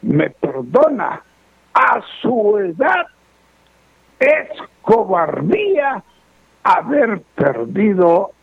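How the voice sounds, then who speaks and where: A man's voice: high voice, very animated, drawn-out words, vocal fry, long pauses, breathy edge, dry recording. A man, a radio advice host and fortune teller, answering listeners' letters in a stern, moralizing way. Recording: lo-fi radio broadcast.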